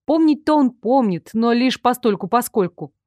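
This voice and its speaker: A woman reading a first-person audiobook in a lively, ironic, expressive way. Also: on the high side, moderate pace, dry recording, clean studio sound. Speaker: audiobook narrator.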